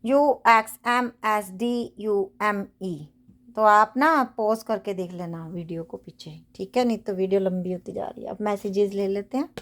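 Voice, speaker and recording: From her home bedroom, with cards spread across the bed, a tarot reader gives her viewers a casual reading in an unhurried, medium-pitched voice. She is earnest and a bit preachy, repeating phrases and mixing in English affirmations.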